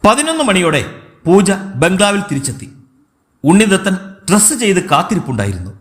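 Expressive male audiobook narrator. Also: sits high, normal speed. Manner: expressive storytelling. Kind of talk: scripted novel narration.

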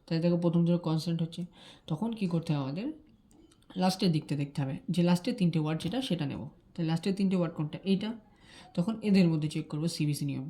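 A woman teaching English grammar, explaining rules quickly and repeating key terms to check that students follow. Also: low voice, mellow.

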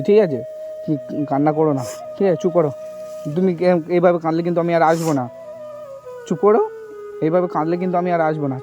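A man who talks to a young woman in a gentle, reassuring way and keeps asking "okay?". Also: a little high. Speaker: charity video host. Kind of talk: staged outdoor conversation. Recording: dull lo-fi sound with music behind. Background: background music.

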